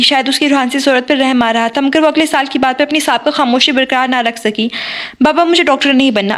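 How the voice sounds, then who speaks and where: Woman w/ a high voice reading a romance novel out loud, does all the dialogue herself, trips over words now and then. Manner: reads all characters herself, occasional stumbles and restarts. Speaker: narrator.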